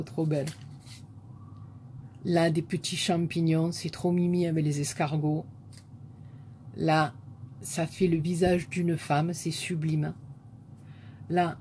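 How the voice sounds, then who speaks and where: Low, slow-talking woman with a southern French accent. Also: dark tone, a little hiss or hum. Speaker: scrapbooking vlogger. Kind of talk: casual show-and-tell chat.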